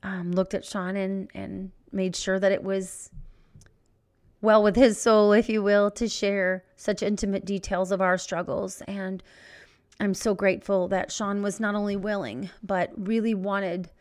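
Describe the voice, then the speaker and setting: A middle-aged woman hosting a podcast, telling a personal story in an emotional, halting way as she searches for words. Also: medium pitch, flat delivery, a little mellow. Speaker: podcast host. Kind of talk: personal reflective monologue.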